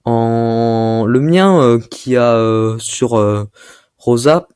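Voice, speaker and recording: A man's voice: mid-range voice, extremely slow, a little mellow, smooth, no room sound, studio quality. A young man talking through a game strategy tutorial, hesitant, with many filler sounds and restarts. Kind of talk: casual gameplay tutorial commentary.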